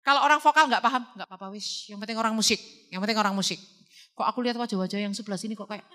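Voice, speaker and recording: A woman teaching a music class, singing solfege examples between brisk explanations. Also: mid-range voice, pushed and bright.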